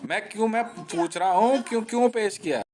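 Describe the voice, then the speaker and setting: High-voiced man ranting in a taunting monologue. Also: brisk, a little mellow. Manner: confrontational, taunting, addresses listeners with slang; restless, repeats himself and restarts. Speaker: live streamer. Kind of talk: rambling live monologue.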